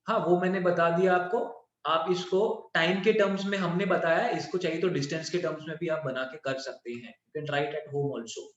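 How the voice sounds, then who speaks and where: A man's voice: a little high, normal speed, few pauses. A man teaching a math class online, mixing Indian-accented English into Hindi and checking in often with his students. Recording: very echoey, dull lo-fi.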